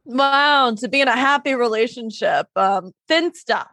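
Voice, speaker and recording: A young adult woman co-hosting a podcast in casual, comedic chat, blunt and dramatic and quick to swear. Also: fairly high pitch, animated, sharp tone, no echo, studio quality. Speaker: podcast co-host.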